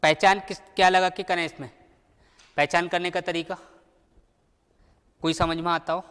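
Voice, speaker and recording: A man teaching a grammar lesson, who asks questions and answers them himself and slowly repeats the key words. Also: sits high, level tone, fairly bright tone, smooth, big-room sound.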